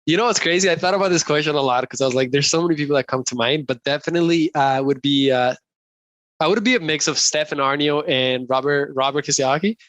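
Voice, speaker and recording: A man's voice: fairly high pitch, quick pace, fairly bright tone, no echo. Chatty young guy from colombia, guest on a podcast, laughs a lot, dry close sound. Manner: upbeat, chatty, laughs often. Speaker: guest, real estate investor. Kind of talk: casual interview chat.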